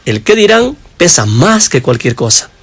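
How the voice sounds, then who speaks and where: His husky voice very animated and his pace moderate, a preacher speaks passionately to his listeners, shifting between loud, high emphasis and soft, hushed words.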